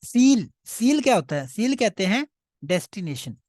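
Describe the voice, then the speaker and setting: With a high, very animated voice of somewhat dark tone, a native Punjabi speaker runs an online beginners' German class in Hindi-Urdu at normal speed. He is patient, checks often that learners follow, and keeps repeating "ठीक है"; the studio-quality audio has no room sound.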